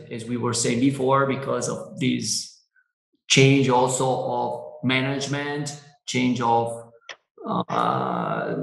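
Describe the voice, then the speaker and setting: Italian-native winemaker, halting English, roomy call audio, mid-range pitch. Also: male voice, gravelly, a bit bright. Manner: halting, many fillers and restarts. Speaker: winery owner. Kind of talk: Zoom wine tasting interview. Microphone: video call.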